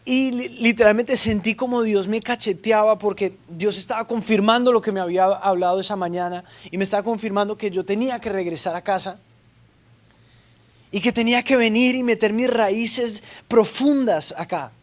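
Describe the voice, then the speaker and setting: A man's voice: high-pitched, moderate pace. A young man, a pastor, preaching a sermon and telling his story with playful asides and acted-out dialogue. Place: church stage.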